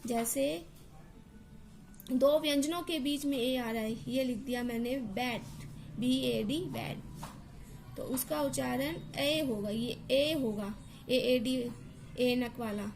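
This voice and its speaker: Slow, high-voiced woman teacher. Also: background noise. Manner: slow, repeats words and letters to drill sounds. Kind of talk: explaining English pronunciation.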